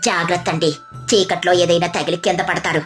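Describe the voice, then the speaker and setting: A woman voicing a stingy wife who grumbles in a low voice. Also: little pitch movement, brisk, soft background music, natural voice. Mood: grumbling. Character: stingy wife, sulky and hungry.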